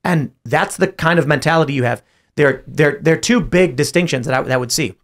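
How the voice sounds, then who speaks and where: A man with a gravelly, slightly high voice hosts a political talk show. He tells stories with energy and imitates other people by jumping up in pitch. His delivery is argumentative and conversational. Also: brisk. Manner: animated storytelling, mimics others in raised voices. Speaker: podcast host.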